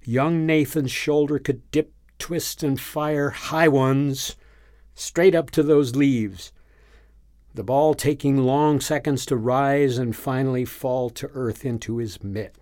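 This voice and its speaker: Man, story narrator, even unhurried reading, middle pitch, dry close mic. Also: no echo.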